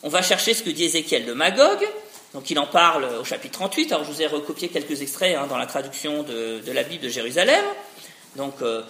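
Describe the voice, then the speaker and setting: A man's voice: a little high, animated, quick pace, sharp tone. A man giving an academic lecture, talking discursively with many restarts and tag questions. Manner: discursive, frequent hein tags and restarts. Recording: roomy echo.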